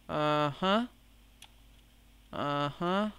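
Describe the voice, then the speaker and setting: A man's voice: fairly high pitch, bright, forceful tone, smooth. A man giving casual let's-play commentary, joking, talking back to the game and reading its text aloud, with a sore throat and a cough. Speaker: gameplay commentator.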